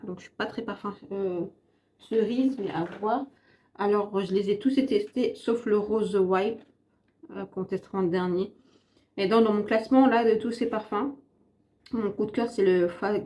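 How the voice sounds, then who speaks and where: A woman's voice: medium pitch, dark tone. Chatty French woman reviewing makeup. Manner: chatty, rambling, self-correcting. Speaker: beauty vlogger. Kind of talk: casual makeup and perfume review.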